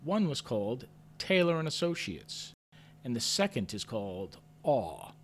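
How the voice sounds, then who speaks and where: A man narrating an audio drama in first person, mid-pitched, with a pitch that swings widely and expressively. His delivery is measured and understated, with a faint hum underneath. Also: very animated. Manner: measured and understated, lifts sharply in his own character's questions.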